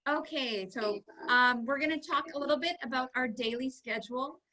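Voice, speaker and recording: Bright, enthusiastic woman teacher. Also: high-pitched, normal speed, low-quality recording. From Canada. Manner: enthusiastic, cheerful, chatty. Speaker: kindergarten teacher hosting a parent night. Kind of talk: upbeat presentation to parents.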